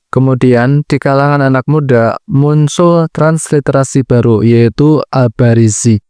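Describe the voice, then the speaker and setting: Calm, measured man explaining a lesson. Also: medium pitch, clear, resonant tone, no room sound, studio quality. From Central Java, Indonesia. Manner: explanatory, measured, speaks in short clauses. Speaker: Arabic language teacher. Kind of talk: educational lesson.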